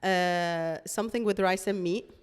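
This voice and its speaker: A woman's voice: on the low side, steady tone, measured pace, clear, resonant tone. A woman with a Lebanese accent chatting casually as a guest on a talk show. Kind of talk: casual chat. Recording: echoey room with long reverb.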